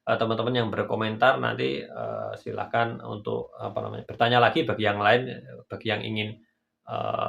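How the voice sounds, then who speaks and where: A man hosting a relaxed interview, asking follow-up questions and adding brief agreeing murmurs. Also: lowish voice, vocal fry, dull audio. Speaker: host. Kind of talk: casual interview talk.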